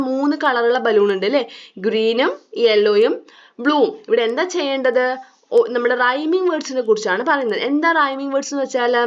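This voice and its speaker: A woman teacher with a Malayali accent explains a textbook lesson, asking questions and answering them herself. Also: on the high side. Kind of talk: online tutorial explaining a textbook. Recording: dull lo-fi recording.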